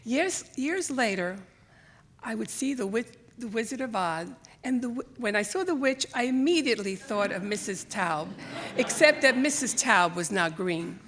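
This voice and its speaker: An older woman reading her own memoir aloud on a library theater stage speaks at a normal speed in a voice on the high side. Having emigrated from Greece to the United States as a child, with Greek or Italian as her first language, she narrates expressively to the live audience and acts out the dialogue she remembers.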